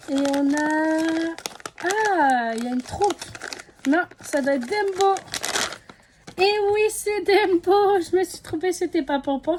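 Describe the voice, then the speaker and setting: A woman's voice: sits high, a little mellow, slight background noise. A woman with a French accent chatting casually as she opens surprise packets, guessing aloud what is inside. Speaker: vlogger. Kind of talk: casual unboxing chat.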